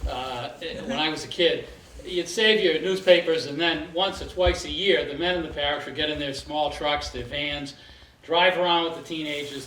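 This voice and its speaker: A man of about sixty tells a childhood story in a plain, measured voice, pitched a little high for a man. He sounds distant in a roomy space, with faint noise behind. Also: a bit bright. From Boston area. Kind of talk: live storytelling. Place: theater stage before an audience.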